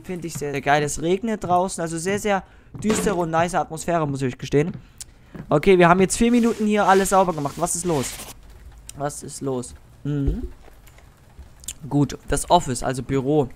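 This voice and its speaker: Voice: medium pitch, normal speed, a little mellow, a little hiss or hum. A gaming YouTuber giving horror let's play commentary, jumpy and easily startled, swearing with youth slang and talking straight to viewers. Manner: talks directly to viewers.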